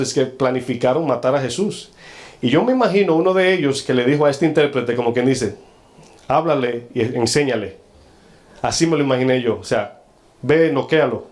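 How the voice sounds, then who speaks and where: Male pastor, sermon delivery, mid-pitched voice, checks in with the congregation and acts out quotes. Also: darkish tone. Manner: preaching to a congregation, asking them questions often; acts out quoted lines in a changed voice.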